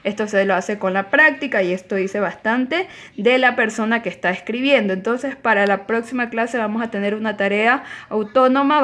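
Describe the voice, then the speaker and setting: Female teacher giving a remote class; clear explanations, stresses the rules, medium pitch. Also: fairly bright tone. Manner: explanatory, emphatic on key rules. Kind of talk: recorded online class lecture.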